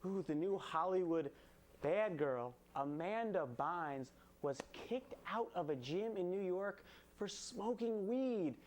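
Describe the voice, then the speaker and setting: Taking it slowly, this young male host in his twenties has a high, expressive voice with a darkish tone. He fires off topical jokes in a punchy stage monologue. The setting is a student TV studio backed by a painted skyline.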